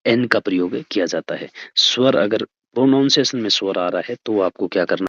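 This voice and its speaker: A man with a lowish, slightly bright voice speaks at normal speed; the audio is dull but has no echo. He teaches an exam-prep English lesson, addressing listeners as "friends" and answering his own questions.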